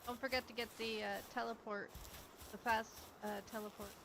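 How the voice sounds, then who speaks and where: A woman chatting casually while streaming a game, chatty and quick to laugh and joke. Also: fairly high pitch, level tone. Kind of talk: casual gameplay chat. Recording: audible background noise.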